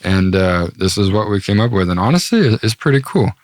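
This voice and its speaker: A man's voice: on the low side, lively intonation, a little fast, dry recording, studio quality. A man hosting a podcast in casual chat, laid-back, slangy and full of swearing. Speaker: podcast host.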